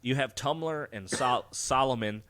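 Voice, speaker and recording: At a measured pace and medium pitch, a male podcast co-host discusses a film casually, cursing frequently and starting sentences over amid brisk back-and-forth banter.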